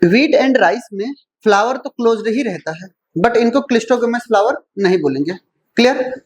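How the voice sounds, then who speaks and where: Teacher who keeps checking "clear?". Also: medium pitch, expressive, low-quality recording. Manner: keeps asking "clear?" and answering own questions; repeats key points slowly. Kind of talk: classroom lecture mixing Hindi and English terms.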